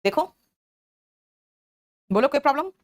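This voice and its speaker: Woman teaching, higher voice, Indian English. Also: very animated. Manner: explains each word slowly, checks in with students often. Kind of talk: exam-prep vocabulary lesson.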